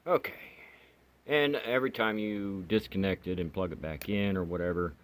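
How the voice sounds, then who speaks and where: Steady background noise runs under this amateur home video of a hobbyist reviewer doing an unscripted product demo. His deep voice moves at normal speed, plainspoken and half aimed at himself while he works.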